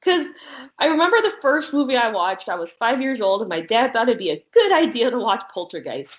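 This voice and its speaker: A woman with a slightly high voice chats casually as an interview guest, brisk and very animated. She tells personal anecdotes and often giggles while she talks, and the audio is muffled, like a phone call.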